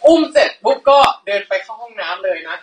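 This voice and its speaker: Hosting a casual live stream, a man speaks fast in a high-pitched voice with big swings in pitch, playful and giggly and often bursting into laughter. The mic sits at a distance in an echoey room.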